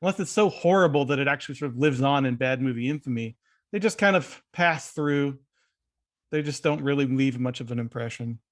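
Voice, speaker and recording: A man's voice: mid-range voice, a little fast. Male podcast film critic, mid-range voice, loose conversational delivery with restarts. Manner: conversational, frequent restarts and hedges. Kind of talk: casual film discussion.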